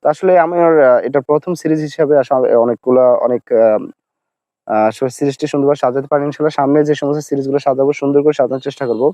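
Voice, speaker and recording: A man teaching Arabic letter pronunciation, patiently repeating each sound slowly to demonstrate it. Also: mid-range voice, fairly even intonation, warm tone, dry recording. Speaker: Quran recitation teacher.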